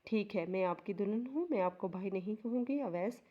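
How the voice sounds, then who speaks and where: A woman's voice: mid-range voice, fairly quick, muffled recording, natural voice. Woman voicing an innocent childlike young wife.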